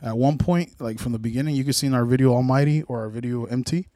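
A young man tells stories in casual, slangy street talk full of swearing. His tone is mellow and relaxed at a middle pitch. The sound is close and dry. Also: fast talker, no room sound. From Anaheim, California. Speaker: rap crew member being interviewed. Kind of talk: casual storytelling.

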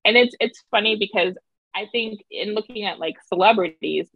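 A woman's voice: mid-range voice, moderate pace, breathy edge, no room sound, lo-fi sound, soft background music. A woman in a casual interview, talking emphatically and repeating phrases to drive a point home. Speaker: interview guest, author and video creator.

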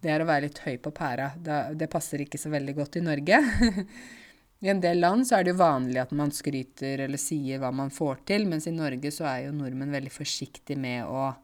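A Norwegian woman from the countryside, a language teacher and podcaster, explaining slowly and carefully to learners with frequent filler sounds. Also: sits low. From rural Norway.

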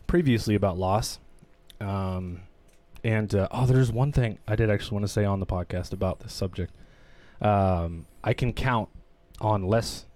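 A young man talks candidly on a podcast, his voice sitting a little low. He rambles and swears freely, circling back as he tells the story. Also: darkish tone, dry recording. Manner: rambling, profane, emotional storytelling. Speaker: podcast co-host. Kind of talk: candid casual podcast chat.

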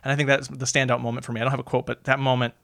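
A man's voice: medium pitch, flat delivery, racing, vocal fry, a bit bright, dry recording, studio quality. A chatty man in a casual film discussion who says "like" a lot.

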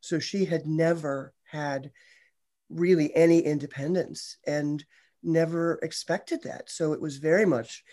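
A woman's voice: sits low, fairly even intonation, a little slow, dark tone. Frank, joking woman guest. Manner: frank, joking, self-correcting. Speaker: podcast guest, social worker. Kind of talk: casual conversation.

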